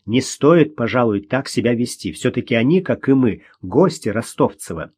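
A man voicing a gentle young screenwriter who speaks softly to calm a quarrel in an audiobook. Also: medium pitch, normal speed, husky. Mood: placating. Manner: soft, soothing, conciliatory. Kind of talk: audiobook character voice.

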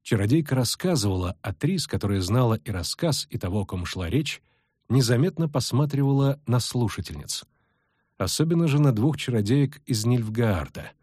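A man narrating a fantasy audiobook in a measured, even storytelling manner. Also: mid-range voice, no echo, clean studio sound.

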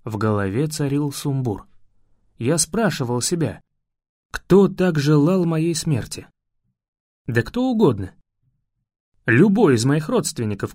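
A man reading a first-person audiobook narration in a reflective, expressive way. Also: a little high, dry recording, clean studio sound.

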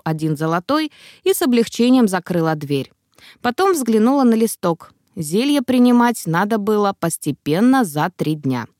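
A woman narrating a first-person novel as an audiobook, in an expressive, wry inner-monologue manner. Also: on the high side, dry recording, studio quality.

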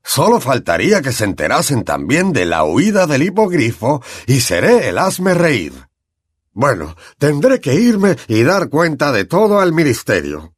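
A man's voice: medium pitch, huge pitch swings, measured pace, slightly rough, no room sound, studio quality, voice pushed up, heavily acted. A man doing a blustering official. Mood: flustered. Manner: blustering, huffy. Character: flustered, pompous middle-aged male minister.

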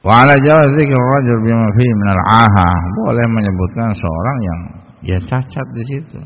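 A man giving a religious study lecture as an Islamic preacher, explaining with everyday examples and Arabic quotes, his pitch jumping high for emphasis. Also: normal speed, a little hiss or hum. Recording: tinny phone-like lecture recording with long reverb.

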